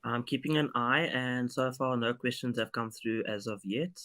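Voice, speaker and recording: A man's voice: mid-range voice, normal speed, bright, forceful tone. A man moderating the live chat of a school briefing, giving brief updates to the teacher. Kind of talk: online parent briefing.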